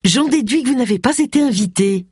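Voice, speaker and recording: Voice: mid-range voice, lively intonation, brisk, a little mellow, breathy edge, no room sound, studio quality, voice pushed up. A narrator doing a sardonic woman sleuth, Agatha. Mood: dry, sardonic. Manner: sarcastic, cool. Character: sharp-tongued middle-aged woman amateur sleuth.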